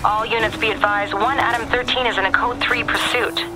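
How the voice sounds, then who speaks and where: An actor playing a police dispatcher directing units over a police radio in measured procedure. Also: medium pitch, steady tone, low-quality recording. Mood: steady. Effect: police radio transmission. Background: game music.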